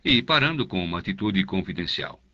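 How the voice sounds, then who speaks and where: A man narrating a classic novel as an audiobook in a measured, expressive reading. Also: sits low, lo-fi sound.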